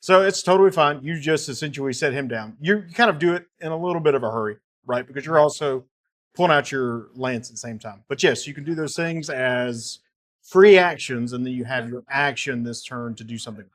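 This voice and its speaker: A man's voice: mid-range voice, brisk. A man narrating as game master, explaining rules in an easygoing way with loose restarts.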